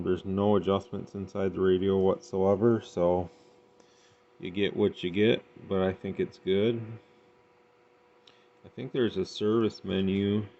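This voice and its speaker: A deep, gravelly-voiced man, a radio hobbyist, casually demonstrates and tests equipment, thinking aloud in a matter-of-fact way as he works. The recording is dull and lo-fi, with faint noise.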